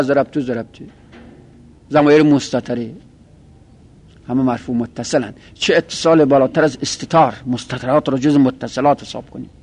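A man teaching a grammar class, explaining step by step and repeating each example in a list. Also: medium pitch. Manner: methodical, repeats examples in lists. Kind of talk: classroom lecture.

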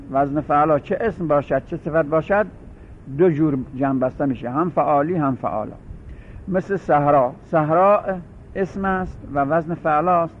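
A man gives a classroom grammar lecture, methodically repeating word patterns and spelling them out. The audio is tinny and phone-like, with a faint rumble.

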